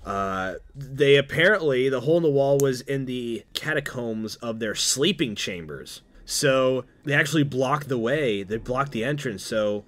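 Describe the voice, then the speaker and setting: Young male guest, mid-pitched, loose rambling delivery with lots of restarts and laughs. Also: expressive, a little slow, few pauses. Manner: rambling, full of fillers and restarts, laughs often. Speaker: podcast guest. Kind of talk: casual movie recap chat.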